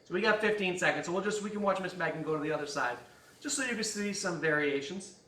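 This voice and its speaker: A man's voice: high voice, fast, pushed and bright, reverberant, distant mic. A man as fitness coach, leading a guided stretching class with jokes and countdowns. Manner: joking, upbeat instruction with counting. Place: fitness studio.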